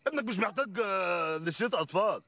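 A man's voice: high-pitched, lively intonation, quick pace, background noise. An actor with an Egyptian accent playing a brash, poor male lawyer who teases and bickers in comic banter. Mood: mocking. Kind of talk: film comedy acting.

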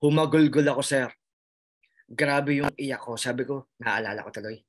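Speaking at normal speed in a mid-range voice, a nurse from the Philippines recounts how he passed the licensure exam. He has a Filipino accent and sounds earnest and emotional, restarting often, using lots of fillers and repeatedly calling the interviewer sir.

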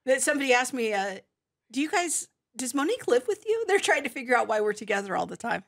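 Woman co-host, slightly high voice, upbeat casual chatter, easy laughs. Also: big pitch swings, fast talker, gravelly, fairly bright tone. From California. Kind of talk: casual live-stream chat.

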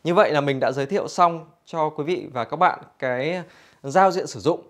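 A man's voice: on the high side, normal speed, a bit bright. A man giving an infomercial-like product demonstration for a store, explaining conversationally to customers.

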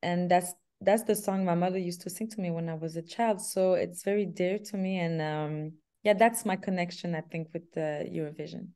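A woman's voice: fairly low pitch, fairly even intonation, normal speed, hardly any pauses. Young woman singer on a video call. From Canada. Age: young adult. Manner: hesitant, restarts often, laughs softly. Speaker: singer interviewee. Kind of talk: casual video-call interview. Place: small room indoors. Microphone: laptop webcam on video call.

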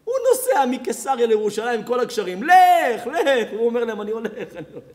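A rabbi giving a Torah lecture, acting out characters in dialogue and laughing often. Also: male voice, extremely high pitch, background noise. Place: community evening lecture.

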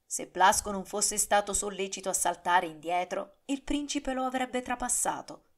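A woman narrating a serialized historical novel audiobook in a dramatic, expressive storytelling manner. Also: mid-range voice, moderate pace.

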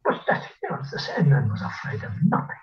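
Lilting older Irish storyteller on a tinny call. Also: male voice, medium pitch, wildly swooping pitch, soft background music. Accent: rural west of Ireland. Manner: lilting, rambling Irish storyteller with repetitions and pauses. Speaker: folklorist and storyteller. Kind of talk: oral folk storytelling in casual speech. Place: small dim room at home, indoors. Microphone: computer mic on a video call. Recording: muffled, phone-like video call audio.

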